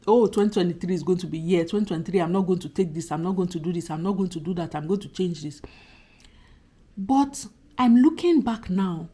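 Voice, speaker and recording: A woman in her thirties speaks warmly to her YouTube subscribers in a casual, reflective vlog monologue. Still recovering from a cold, her slightly low voice comes out a bit husky and croaky. She stays earnest and chatty, leaning on emphatic repetition.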